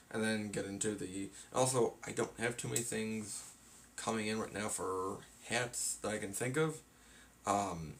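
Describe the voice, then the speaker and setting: This lowish male voice belongs to someone chatting casually on a live stream, tired and yawning as he wanders through his plans with plenty of filler words. There's slight noise in the background.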